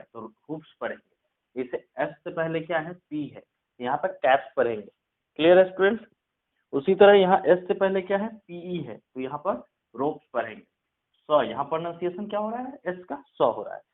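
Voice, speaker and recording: A man teaching an English pronunciation lesson to students, reading out rules slowly and often checking if they are clear. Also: fairly high pitch. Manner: slow dictation of rules, asks "clear?" often. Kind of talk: classroom lesson. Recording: tinny phone-like audio.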